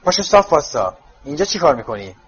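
A cold, curt master of the house, as a man reads him, giving orders in a slightly raised, clipped voice. He speaks firmly with no warmth. The audio is dull and lo-fi. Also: a little high, very animated, breathy edge, faint music behind, heavily acted. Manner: cold and commanding.

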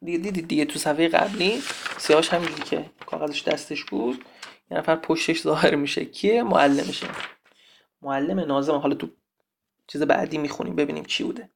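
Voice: medium pitch, gravelly, a little hiss or hum. Patient teacher chanting poetic meter. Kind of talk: textbook lesson with poem recitation.

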